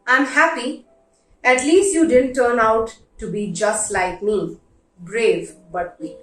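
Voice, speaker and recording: A woman giving a dramatic literary reading of letters, measured and pausing for emphasis. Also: on the high side. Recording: roomy echo, distant from microphone.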